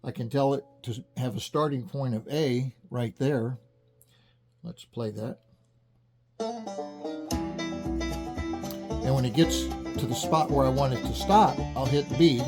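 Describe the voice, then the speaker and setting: A man teaching how to use a music practice app, explaining in a relaxed, chatty way with small restarts. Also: mid-range voice, takes it slowly, pauses often. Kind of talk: casual tutorial demonstration. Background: faint banjo music playing from the app.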